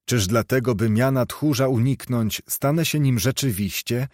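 A man's voice: mid-range voice, moderate pace, a little mellow, no echo, clean studio sound, natural voice. A man voicing a proud, earnest young knight who speaks in a declamatory way.

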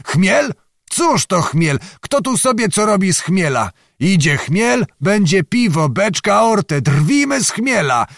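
A man's voice: fairly high pitch, big pitch swings, normal speed, fairly bright tone, no room sound, studio quality, voice pushed up. A man reading an audiobook, voicing a boastful, grumbling old nobleman with theatrical bluster. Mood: mocking.

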